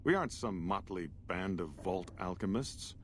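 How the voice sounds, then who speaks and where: A pompous, condescending scientist from a video game. His voice sits slightly low, and he talks down to the listener in formal, self-important phrases. There is faint background noise. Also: expressive, normal speed. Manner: pompous, formal, rhetorical diction. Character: pompous, condescending male scientist, director of operations. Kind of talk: video game character dialogue. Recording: noisy game audio with background ambience.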